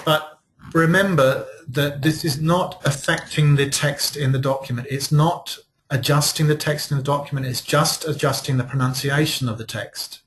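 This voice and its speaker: Relaxed man leading a software workshop. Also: a little high, moderate pace, a little hiss or hum. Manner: relaxed, conversational explaining. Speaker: workshop presenter. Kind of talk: software training demonstration. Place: training room.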